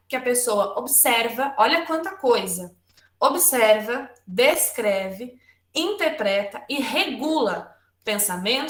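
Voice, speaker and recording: Woman lecturer on a webinar, slightly high voice, conversational and loose, checks in with "right?" tags often; roomy, echoey sound. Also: a bit bright. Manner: conversational, frequent "né?" tags and restarts.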